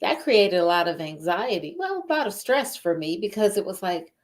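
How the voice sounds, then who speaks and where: A woman hosting a live podcast as a life coach, giving a motivational talk. She speaks deliberately, repeats phrases for emphasis and checks in with the listener directly. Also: fairly low pitch, sing-song.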